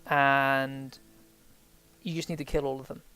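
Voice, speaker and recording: A man's voice: mid-range voice, flat delivery, a little slow, sharp tone, clear, resonant tone. A man giving casual let's play commentary, rambling and thinking aloud as he plays a game. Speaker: game streamer.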